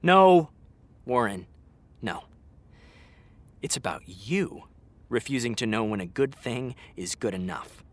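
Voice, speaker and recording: A man with a medium-pitched voice plays a hurt, fiery actor who is fed up with an old friend in a naturalistic audio drama. He speaks slowly and animatedly, pausing often, with emphatic sarcasm that sounds angry and incredulous.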